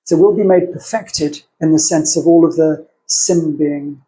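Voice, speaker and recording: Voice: medium pitch, fairly even intonation, measured pace, warm tone, rough recording. A podcast co-host in a casual theological discussion, thinking aloud in a discursive way and acting out opposing arguments.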